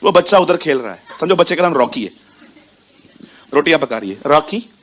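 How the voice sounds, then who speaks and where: A man's voice: fairly high pitch, animated, brisk, a bit bright. A young man preaching a sermon, talking in a chatty way and often putting questions to the congregation. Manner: conversational, quizzes the congregation, mixes in English words. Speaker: pastor.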